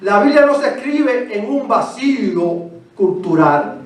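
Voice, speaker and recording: A man's voice: sits high, big pitch swings, slow pace. A man preaching a sermon to a congregation with passion, building his points through repeated lists. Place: church sanctuary. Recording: very echoey church, far from mic.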